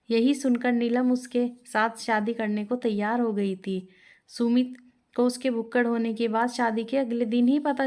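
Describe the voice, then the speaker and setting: A woman's voice: on the high side, a little mellow. Woman telling a bedtime story. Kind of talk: scripted story narration.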